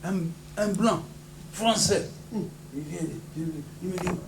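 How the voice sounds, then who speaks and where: Un pasteur originaire du Congo, avec un congolais, prêche avec emphase dans une salle d'église et lance des alléluias à l'assemblée. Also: male voice, sits high, takes it slowly. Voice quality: emphatic, repeats hallelujah to the congregation. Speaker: pastor. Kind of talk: sermon with call-and-response. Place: church hall. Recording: noisy church hall recording.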